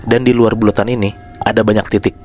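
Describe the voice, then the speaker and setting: A man hosting a podcast, telling a horror story in a relaxed, chatty way and addressing his listeners by name. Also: lowish voice, fast talker, faint music behind. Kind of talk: casual spoken storytelling.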